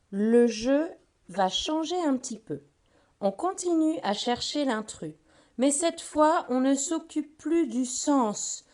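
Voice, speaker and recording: A woman giving a phonics lesson to a child, saying each word slowly and clearly and speaking to the listener directly. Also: fairly high pitch, darkish tone. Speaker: teacher.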